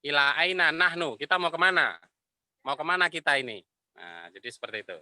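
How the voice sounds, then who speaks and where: A man teaching an Arabic class, explaining patiently and repeating phrases slowly. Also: a little high, expressive, sharp tone, dry recording. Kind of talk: online class lecture.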